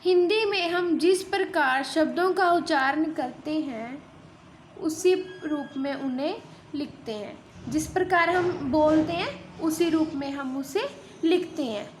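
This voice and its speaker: A woman's voice: high-pitched, slow, a little hiss or hum. A woman school teacher giving a lesson in Hindi, explaining step by step and asking and answering her own questions. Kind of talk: online class lesson.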